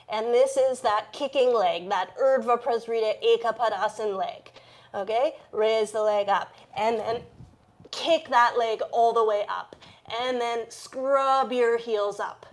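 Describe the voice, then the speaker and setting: Woman yoga instructor, a touch high, unhurried; short repeated cues and frequent "okay?" check-ins. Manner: cueing poses with short repeated commands. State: out of breath at times. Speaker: yoga teacher. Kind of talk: live yoga class instruction.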